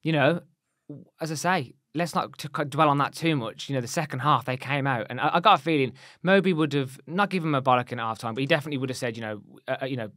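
A man gives quick, emphatic match opinions. He talks fast into a desk mic, and the room sound is dry and close. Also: mid-range voice, a bit bright, no echo. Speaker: football podcast co-host. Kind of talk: casual post-match chat. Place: small studio with club shirts on the walls. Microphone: desk mic on a boom arm.

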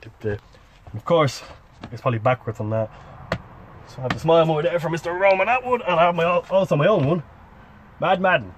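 Mostly standing outdoors beside a parked van, a thirtysomething Irish man chats to his handheld camera or phone in a rambling, playful, sweary vlog. His voice is a little high, animated and fairly quick with frequent pauses, and the audio sounds dull, with faint background noise.

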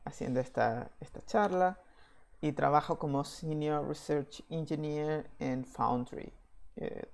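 A man from Chile giving a slide presentation from home, measured and pausing often with "eh" fillers. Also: fairly high pitch, creaky, a little mellow. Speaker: VFX software engineer giving a talk.

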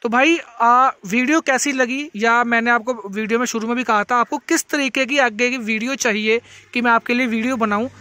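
Outdoors beside a tractor by a green field, a farming vlogger gives a casual, chatty product demonstration, often repeating himself and calling viewers brothers. His voice is extremely high-pitched with fairly even intonation, brisk, bright and forceful.

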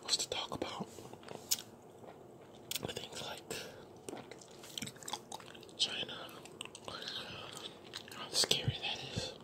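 A woman's voice: drawn-out words, pauses often. A young adult woman whispering a casual ASMR ramble while chewing gum.

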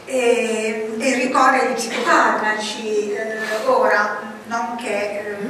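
A woman author speaking hesitantly at a book presentation, pausing often with fillers. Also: on the high side, fairly bright tone. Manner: hesitant, many fillers and pauses. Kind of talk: hesitant public talk. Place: large lecture hall. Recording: echoey hall, distant mic, faint noise.

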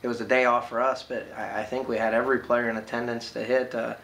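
A man in his thirties, a baseball coach giving a postgame interview, talking quickly and filling pauses with "you know". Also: mid-range voice, flat delivery, fairly bright tone, slight background noise, rough recording. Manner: filler-heavy, with frequent "you know"s. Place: indoor room by large windows.

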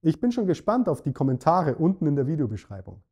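A man with a German accent, a saxophone teacher giving a scripted lesson in a clear, measured way that speaks straight to the viewer. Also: a little high, very animated, mellow. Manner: clear, measured explaining addressing the viewer directly. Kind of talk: scripted instructional talk.

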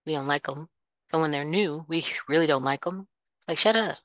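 Low-voiced woman ranting on her podcast. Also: steady tone, a little fast, dry recording. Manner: impassioned, repetitive, rhetorical questions. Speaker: podcast host. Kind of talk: solo opinion rant.

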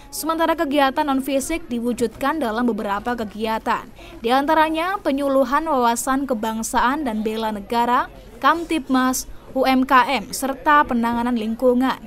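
A woman reads a local news report in a steady, formal newsreader delivery. Her voice sits high and clear. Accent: Indonesian. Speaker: news presenter. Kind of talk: scripted news narration.

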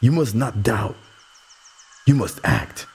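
A man voicing a wise, calm old uncle who gives fatherly advice in a slow, measured way. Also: mid-range voice, breathy edge, pitched above the performer's own voice, full character voice.

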